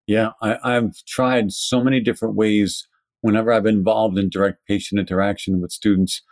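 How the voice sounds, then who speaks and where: A man's voice: lowish voice, level tone, moderate pace, no echo. A man with a Brooklyn accent explaining things conversationally and emphatically, as an educator being interviewed. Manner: emphatic, poses rhetorical questions. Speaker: pharmacist educator, interview guest.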